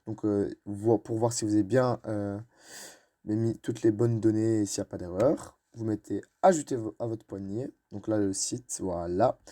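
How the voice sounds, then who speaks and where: Hesitant young man, mellow voice. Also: fairly low pitch, normal speed. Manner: hesitant, many fillers and restarts. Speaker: YouTuber. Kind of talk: screen-recorded tutorial narration.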